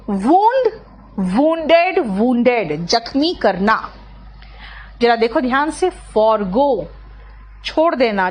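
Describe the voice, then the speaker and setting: A woman teacher, lecturing an online class, checking often whether students follow and calling on them by name. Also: medium pitch. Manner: explains slowly, checks often with "clear?" and "है ना". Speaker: English teacher.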